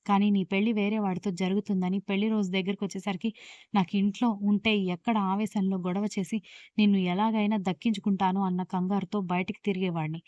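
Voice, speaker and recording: A hot-tempered young husband who snaps out sharp rebukes, read by a woman narrating the story. The lines come fast in a mellow, dark voice. The recording is dry and a little dull. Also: mid-range voice, steady tone, no room sound, lightly acted. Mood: bitter.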